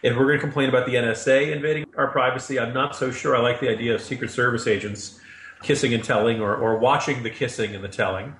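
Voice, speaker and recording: A man's voice: medium pitch, steady tone, fast, fairly bright tone, a little hiss or hum. A man giving wry, sarcastic commentary as a regular guest on a news discussion show. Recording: roomy echo.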